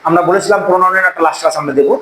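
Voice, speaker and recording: A man's voice: sits high, very fast, fairly bright tone. A man giving a classroom-style grammar lesson as an English teacher. He repeats key points and keeps asking the class questions. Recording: echoey room with faint background noise.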